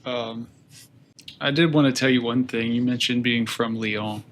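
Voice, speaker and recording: A man from Louisiana hosting a casual game-development interview podcast, relaxed and rambling, laughing easily. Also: mid-range voice, measured pace, a little hiss or hum. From Louisiana, USA. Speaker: podcast host.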